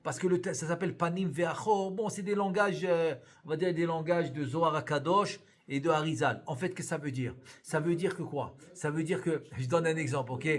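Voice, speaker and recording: A man teaching a live Torah lesson as a rabbi, animated, repeating key words and answering his own questions. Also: on the high side, fairly quick, hardly any pauses.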